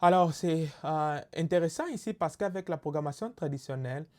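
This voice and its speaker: A man's voice: on the high side, a little fast, a little mellow. A man with a Congolese French accent giving a recorded lesson, explaining step by step with frequent fillers and checks for understanding. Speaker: teacher. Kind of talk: recorded lecture.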